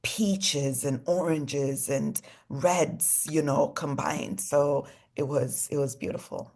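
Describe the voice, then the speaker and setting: A woman's voice: low-pitched, slow pace. A young adult woman from Congo, a fashion designer guest, talking casually in an interview, filling her speech with "you know" and "like". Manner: relaxed, many "you know" and "like" fillers.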